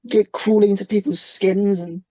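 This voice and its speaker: A man guesting on a podcast in casual chat, starting haltingly and then speaking fluently. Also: sits high, fairly even intonation, mellow. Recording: dull lo-fi audio.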